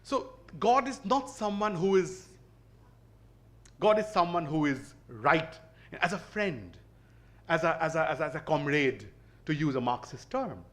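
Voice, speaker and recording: Lively high-voiced Indian English lecturer. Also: male voice, unhurried. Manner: engaging, questions the audience, many restarts. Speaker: seminar speaker. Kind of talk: academic lecture to students. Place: college seminar hall.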